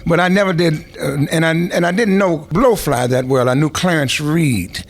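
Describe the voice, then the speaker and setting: An older man with a raised pitch and a gravelly edge spins long anecdotes for an interviewer. He rambles, restarts and adds asides as he reminisces. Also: moderate pace. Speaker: veteran musician guest.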